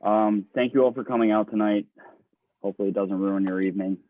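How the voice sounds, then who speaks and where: A man's voice: lowish voice, fairly even intonation, quick pace, no echo, close to an everyday voice. A man reading a nervous heartbroken young singer. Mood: nervous on stage. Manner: hesitant, self-conscious. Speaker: actor in a script reading. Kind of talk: live online screenplay reading. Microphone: video call. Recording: tinny phone-like call audio.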